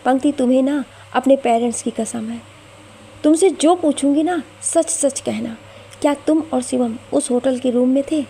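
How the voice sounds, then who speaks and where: A woman's voice: high voice, moderate pace, warm tone, husky. A woman voicing a scheming young woman who pleads and accuses in a whiny tone. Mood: probing.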